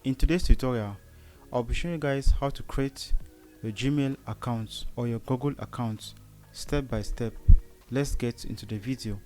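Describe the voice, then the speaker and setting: Hosting a step-by-step screen tutorial, this Cameroonian-accented man regularly asks himself brief rhetorical questions and supplies the answers. He speaks at medium pitch and a moderate pace, with a slightly mellow quality.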